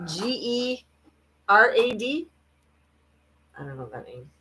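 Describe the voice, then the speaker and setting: Animated woman co-host, lively pitch. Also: slow, slight background noise, poor audio. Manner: animated, laughs often, teasing. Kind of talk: casual chat.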